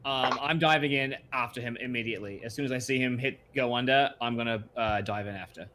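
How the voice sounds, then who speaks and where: A man's voice: mid-range voice, fast talker, slight background noise. Easygoing man playing a tabletop game. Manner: easygoing, bursts into excited laughter. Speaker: player. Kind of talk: casual tabletop play.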